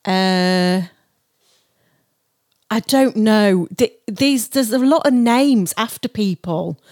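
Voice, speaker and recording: A woman's voice: medium pitch, takes it slowly, darkish tone, dry recording, studio quality. A woman in her forties co-hosting a casual podcast chat, giggling and reading out words amid lots of laughter. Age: 40s. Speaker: podcast co-host.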